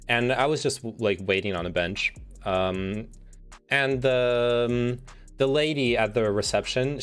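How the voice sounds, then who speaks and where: This is a mid-range male voice with a fairly bright tone. The speaker is a livestreamer chatting loosely and cursing as he reads quiz statements and responds, often wandering off and starting his sentences over.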